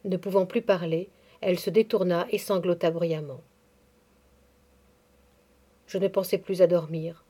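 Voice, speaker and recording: A woman reading a novel aloud in calm, measured literary narration. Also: on the low side. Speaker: audiobook reader.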